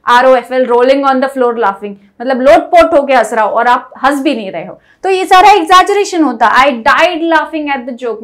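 A woman grammar teacher, explaining to viewers and reading example sentences slowly and deliberately. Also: sits high. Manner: reads English examples slowly and deliberately, mixing Hindi and English. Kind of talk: classroom-style lesson explaining to viewers.

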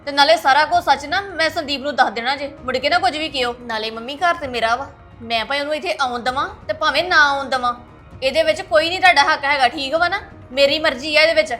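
A woman's voice: sits high, pushed and bright, faint music behind. A woman playing an outspoken young daughter-in-law in a family web drama who argues back hard. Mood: defiant. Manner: rapid, argumentative.

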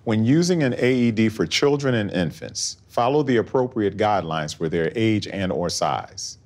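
Lower-voiced guy explaining the steps, lots of rise and fall, measured. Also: lively intonation, a little mellow. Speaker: instructional narrator. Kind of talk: scripted narration.

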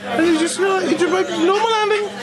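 A man in his forties voicing a hypnotised air traffic controller in a squeaky falsetto, halting and earnest, at a comedy stage show. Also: steady tone. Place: small stone-walled indoor venue. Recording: loud crowd laughter in noisy room.

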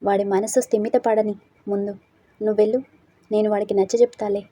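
Chatty teasing young man, dark husky tone as a woman narrator puts him on. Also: mid-range voice, flat delivery, fairly quick, close to an everyday voice. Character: joking easygoing young man.

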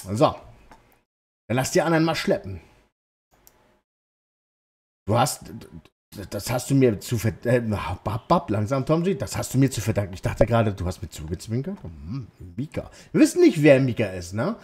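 A man's voice: medium pitch, sing-song, normal speed, pauses often, a little mellow, slightly rough. A man giving rambling, joking let's play commentary at home, talking back to the game. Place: at home, lawnmower outside.

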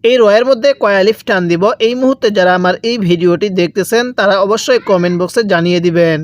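Smooth-voiced Quran reading teacher, man. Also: sits high, fast talker, dry recording, lo-fi sound. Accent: Bangladeshi Bengali. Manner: drills letter by letter, asks and answers own questions. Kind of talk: slow spelled-out recitation lesson.

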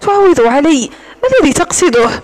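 A woman's voice: high voice, expressive, fairly quick, darkish tone. A woman voicing a proud, defiant young woman held captive in an audiobook, speaking with scorn. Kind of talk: audiobook narration.

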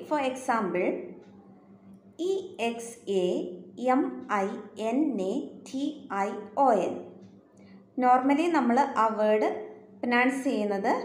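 A woman teacher with a Malayalam accent gives a recorded lecture, switching to slow, careful English for each definition. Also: fairly high pitch. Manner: slow, deliberate reading of English definitions between Malayalam explanation. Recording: echoey room, faint background hiss.

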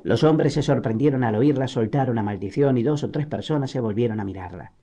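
A man from reads a novel aloud in a steady, measured way. His tone is mellow and darkish at an ordinary pitch, as is typical of a classic audiobook narration. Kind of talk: scripted narration.

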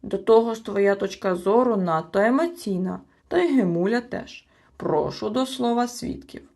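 A woman's voice: medium pitch, animated, normal speed, creaky, darkish tone. A woman doing a pompous little creature judge. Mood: officious. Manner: pompous, clipped and officious. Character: stern self-important male storybook creature acting as judge.

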